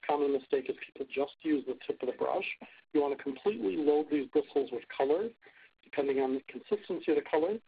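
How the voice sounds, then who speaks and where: A man's voice: on the high side, fast, creaky, slight background noise. A man giving scripted step-by-step narration from an instructional video, played aloud from a phone held up to a speaker and re-recorded. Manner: short step-by-step commands. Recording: tinny phone-like playback through a speaker.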